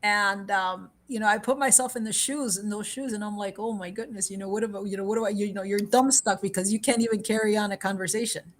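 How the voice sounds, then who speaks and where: This livestream host has a mid-range voice and a steady tone, talking fast with few pauses. Her casual chat wanders and circles back on itself, mixing English and Spanish with frequent laughter.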